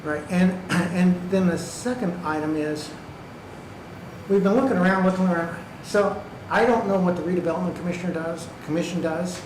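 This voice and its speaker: This is a man with a high voice, talking at a moderate pace while giving public comment at a county meeting. He drives his points home emphatically, checking in with "okay" and "right." The setting is a county government meeting room, captured in an echoey hall with background noise.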